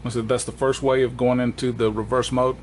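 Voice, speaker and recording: Over a noisy background, a man walks through a piece of equipment hands-on and unscripted, speaking plainly but haltingly and fixing his own mistakes along the way. His delivery is flat and his pitch medium.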